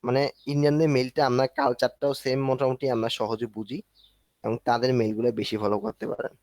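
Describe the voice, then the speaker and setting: A man's voice: medium pitch, level tone, fast, a little mellow, dry recording. A man teaching an online class, explaining step by step in a conversational way while walking through a screen. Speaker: instructor.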